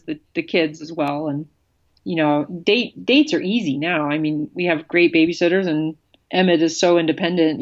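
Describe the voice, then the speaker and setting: A woman's voice: mid-range voice, muffled recording. A woman in a casual interview, speaking candidly and bluntly as a former pro cyclist guest, laughing often.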